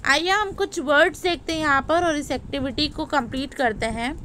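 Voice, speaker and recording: A woman with an Indian accent teaching an English lesson, explaining slowly and asking her students questions, then answering them herself. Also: sits high, sharp tone, slight background noise, rough recording. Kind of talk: classroom lesson in Hindi-English mix.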